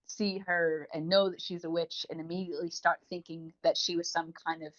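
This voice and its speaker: With a flat delivery and a brisk pace, a woman with a low-leaning voice co-hosts a podcast. She rambles happily through a review in a casual, talkative manner, captured in a dull lo-fi recording.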